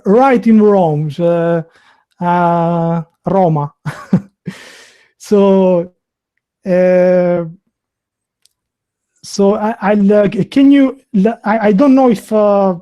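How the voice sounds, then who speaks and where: An Albanian host in his thirties, a native speaker with an Albanian accent, leads a live online video interview. His high voice carries a dark tone, and he talks haltingly, filling pauses and restarting sentences frequently.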